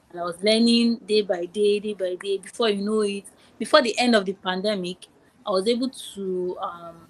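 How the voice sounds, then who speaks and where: A young Nigerian woman with a Nigerian accent talks casually as a guest on a podcast interview, frequently repeating phrases and restarting. Her voice sits in the mid-range, and the audio quality is poor.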